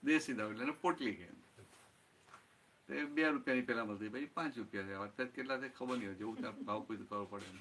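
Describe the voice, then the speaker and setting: Answering a question during satsang, this man teaches spiritually through ordinary examples and keeps checking that people understand. He speaks fast in a mid-range, fairly bright voice, and a faint hiss or hum runs underneath.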